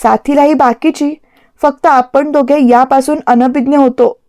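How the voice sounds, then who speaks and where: A woman voicing a suspicious young man in a storybook reading, grumbling in a low, confiding way. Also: steady tone, a little slow, mellow, no room sound, studio quality.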